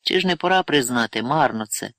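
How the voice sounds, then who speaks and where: A man's voice: medium pitch, animated, fairly quick, fairly bright tone, no echo. A man voicing a weary, grumbling young novice monk in an audiobook reading.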